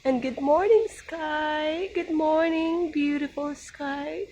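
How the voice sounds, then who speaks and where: A young woman with a Filipino accent narrates a relaxed garden vlog, talking fondly to her cat between comments. Her voice is high and her pace is slow. Faint outdoor noise sits behind her phone recording. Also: rough recording. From Philippines. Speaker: vlogger.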